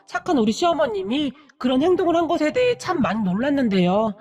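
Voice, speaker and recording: Female narrator for a family drama story, high voice, gossipy. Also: sing-song, quick pace, a little mellow. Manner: gossipy, recounting hearsay.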